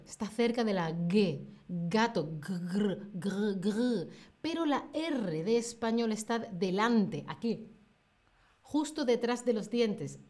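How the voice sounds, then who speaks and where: A woman's voice: a little high, lively intonation, slow, a little mellow. A woman from Spain teaching Spanish pronunciation in a live online lesson, patient and encouraging, stretching out sounds to demonstrate them.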